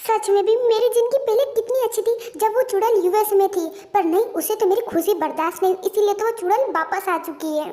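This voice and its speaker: A woman doing a short-tempered young female boss, high voice. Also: a little fast, few pauses, mellow. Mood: ranting. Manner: scolding, ranting. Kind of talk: Hindi fan-dub audio story.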